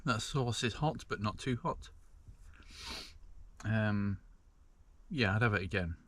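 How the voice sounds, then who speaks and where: A man's voice: on the low side, slow, a bit bright, no echo. A man chatting casually to camera from inside a small parked van, rambling with lots of ums. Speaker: van-life vlogger.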